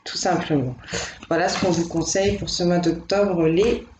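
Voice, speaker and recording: A woman doing a casual, spoken tarot reading as host, thinking aloud in a gentle, reassuring way. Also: on the low side, steady tone, normal speed, roomy sound, background noise. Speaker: tarot card reader.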